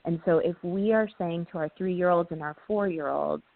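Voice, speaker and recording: A woman guest speaking as a parenting trainer, explaining casually, often pausing on "um" and checking in with "right?". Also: fairly low pitch, gravelly. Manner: talks through ideas with frequent "um" and tag "right?". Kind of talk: casual explanatory interview talk. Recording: tinny phone-like line, dry.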